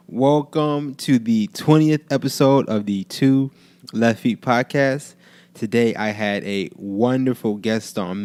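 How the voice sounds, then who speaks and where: A man's voice: on the low side, a little mellow. A man hosting a podcast, giving a friendly, rambling introduction full of fillers. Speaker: podcast host.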